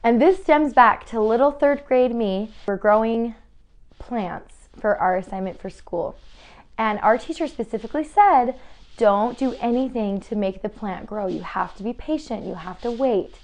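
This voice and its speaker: Casting note: young woman, bubbly and chatty, casual home vlogger, warm faith talk. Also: on the high side, normal speed. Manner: bubbly and chatty, with frequent "like" and laughs. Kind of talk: casual faith-based vlog chat. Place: new family home.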